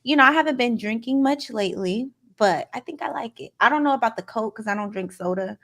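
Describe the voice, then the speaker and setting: A woman's voice: fairly high pitch, a little fast, fairly bright tone. A woman co-hosting a podcast, giving her opinions in casual chat. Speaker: podcast co-host.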